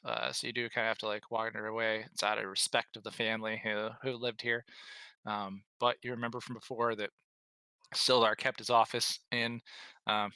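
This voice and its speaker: A man narrating an improvised tabletop game as game master, halting and conversational. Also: mid-range voice, bright, forceful tone, clean tone, no room sound, poor audio.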